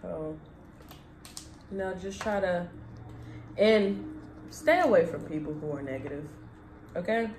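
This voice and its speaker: A woman's voice: fairly low pitch, lively intonation, unhurried, pauses often, darkish tone. A young woman chatting casually as a mukbang co-host, chewing while she talks. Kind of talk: casual chat while eating. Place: indoor room at a table. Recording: echoey room, light background noise.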